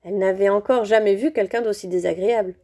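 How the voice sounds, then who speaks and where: A woman reading a children's novel aloud in a steady, expressive way. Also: medium pitch, fast. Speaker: audiobook reader. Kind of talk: storybook read aloud.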